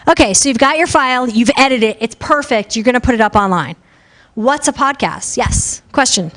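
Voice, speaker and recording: Loud, chatty woman speaker. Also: a little high, expressive, a little fast. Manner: loud, talkative, lots of fillers. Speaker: conference speaker on podcasting. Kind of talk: casual live talk. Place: conference room with a live audience.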